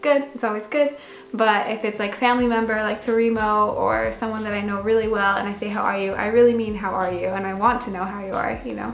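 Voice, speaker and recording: A woman's voice: mid-range voice, flat delivery, very fast, few pauses. A young American woman hosting a vlog, chatting casually and rambling a little with plenty of fillers. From United States. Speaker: vlog host. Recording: roomy echo, faint music.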